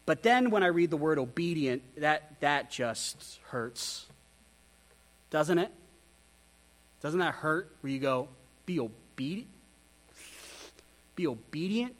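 Preaching slowly with long pauses, this high-voiced pastor uses lively intonation and speaks with frankness and a self-deprecating touch. He keeps posing rhetorical questions to the congregation, and the audio quality is poor.

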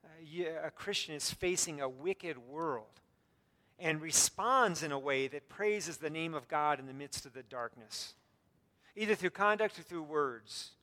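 A pastor preaches animatedly and a little slowly, his bright voice forceful, though he calls it squeaky himself. Earnest with light self-deprecating humor, he often uses fillers and restarts, and the sound has long reverb from a hall.

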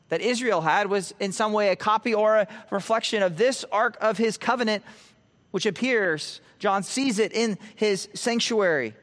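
Animated male preacher in a reverberant church. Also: high-pitched. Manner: animated preaching, rising emphasis and dropping to quiet at phrase ends. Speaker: pastor. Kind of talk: expository sermon. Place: church sanctuary.

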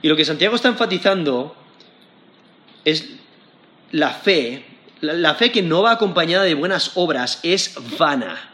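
Man, preacher, sermon, lively swooping pitch, slightly high voice, roomy echo. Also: a little slow, long pauses. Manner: animated, rising to emphatic high points when quoting scripture.

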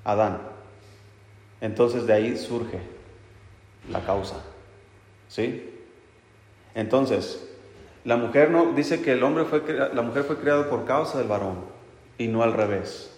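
Preacher in an echoing hall. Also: male voice, mid-range voice, slow pace, pauses often, a little mellow, a little hiss or hum. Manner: plain, talks straight to the men, keeps asking "¿verdad?" and "¿sí?". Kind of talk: conversational sermon. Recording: echoey hall reverb.

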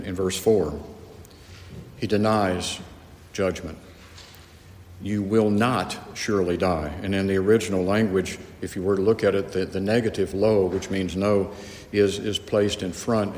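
Male preacher, very low voice, earnest and emphatic, echoey church hall with a long tail. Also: a little mellow, slight background noise. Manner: earnest, emphatic, repeats words when restarting. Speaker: pastor. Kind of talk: expository Bible teaching. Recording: echoey hall with faint ambience.

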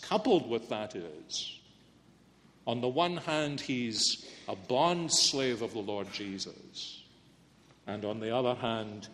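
A man's voice: lowish voice, pushed and bright. A man preaching a sermon earnestly and emphatically, often asking rhetorical questions. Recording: long reverb in a hall.

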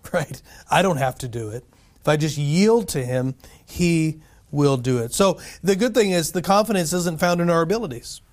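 Male pastor, slightly higher voice, casual preaching with quick chuckles and check-ins. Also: a little mellow. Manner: conversational preaching, frequent "right?" asides and chuckles. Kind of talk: sermon.

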